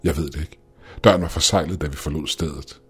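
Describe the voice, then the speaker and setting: A man's voice: extremely low pitch, slightly rough, soft background music, full character voice. A man voicing a tense male astronaut leader giving urgent orders as his nerves fray. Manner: urgent, commanding.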